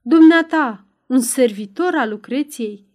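A woman's voice: fairly high pitch, lively intonation, darkish tone, natural voice. A woman voicing a hot-tempered young cavalier. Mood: urgent, demanding. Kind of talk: audiobook character voice.

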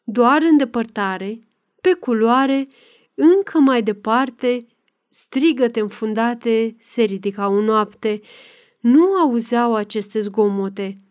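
A woman reads a dramatic novel aloud with steady, measured pacing. Her voice is a little higher than most women's. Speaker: narrator. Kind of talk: dramatic audiobook reading.

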